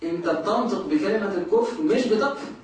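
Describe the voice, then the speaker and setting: Fast-talking Egyptian man lecturing in an echoey room. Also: high-pitched, animated, a little mellow, recorded from a distance. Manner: asks the class questions and answers them himself. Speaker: teacher of Islamic jurisprudence. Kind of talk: lecturing a class.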